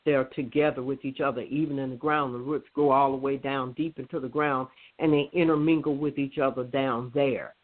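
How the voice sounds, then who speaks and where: A man in casual spiritual chat, talking in an earnest, meandering way with many fillers. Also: mid-range voice. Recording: tinny phone line.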